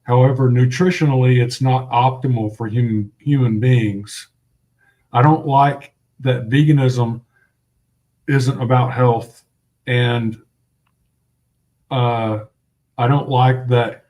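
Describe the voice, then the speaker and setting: A man in a casual online discussion speaks slowly and deliberately, restarting phrases as he argues his point. His audio keeps cutting out, so the volume rises and drops unevenly. His voice sits at an ordinary middle pitch. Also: fairly even intonation, darkish tone, low-quality recording.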